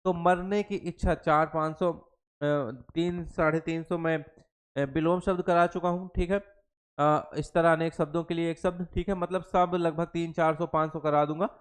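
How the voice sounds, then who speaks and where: A man's voice: on the high side, steady tone, normal speed, clear, resonant tone. A young man teaching an exam-prep Hindi class, who mixes English terms into his Hindi, repeats each definition and quizzes the class with questions. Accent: Hindi with English terms mixed in.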